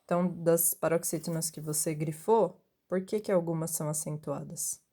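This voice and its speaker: A woman's voice: deep voice, steady tone, moderate pace, dark tone. A woman teacher, giving a patient lesson to pupils, asking questions and answering them herself, often checking in with "right?". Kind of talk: recorded classroom lesson for pupils.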